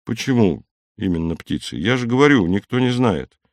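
A steady, matter-of-fact young driver, read by a man in an audiobook. His voice sits low and sounds close and dry. He talks plainly, with a touch of apology. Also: moderate pace, dry recording. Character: young male planetary rover driver, calm and dutiful.

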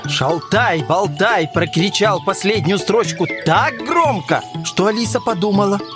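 A calm, measured storybook narrator with an expressive lilt, reading steadily. Clear music plays beneath the narration. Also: mid-range voice. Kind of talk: audiobook narration. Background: background music.

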